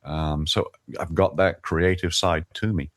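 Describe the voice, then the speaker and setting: A man's voice: low-pitched, steady tone, a little slow, no echo, studio quality. An older man talking as a podcast guest, earnest and enthusiastic, often repeating a word as he starts a thought. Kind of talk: conversational interview.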